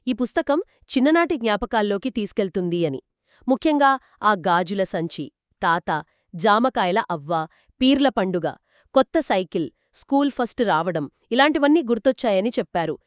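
A woman's voice: medium pitch, animated, normal speed, dry recording, clean studio sound. A woman co-hosting a book discussion podcast, explaining and summing up reader reviews. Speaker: podcast co-host.

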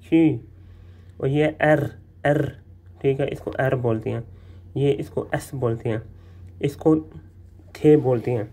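Guy teaching the alphabet, dark mellow voice, says each sound over and over. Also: medium pitch. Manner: repeats sounds slowly, checks with "theek hai". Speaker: language teacher. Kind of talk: casual spoken lesson.

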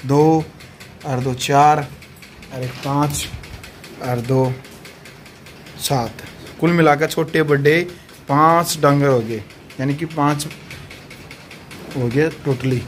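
A young man with a Haryanvi accent talks casually as he gives a vlog house tour. His voice is quite high, and he laughs often and points things out to the camera. There is faint outdoor ambience behind him. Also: steady tone, takes it slowly, long pauses, slight background noise. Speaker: vlogger giving a house tour. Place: rural house and courtyard, outdoors and indoors. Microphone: handheld phone mic.

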